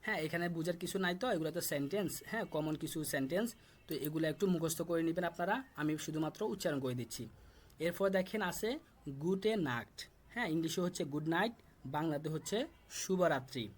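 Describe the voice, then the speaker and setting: A young man from Bangladesh leads a live online class over a call microphone. His voice sits a bit high, and he patiently repeats each word slowly for pronunciation. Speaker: German language teacher.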